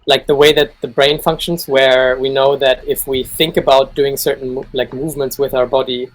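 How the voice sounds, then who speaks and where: A man's voice: mid-range voice, low-quality recording. A man playing a tabletop game, thinking aloud and hedging with fillers. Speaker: player. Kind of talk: tabletop role-play chat.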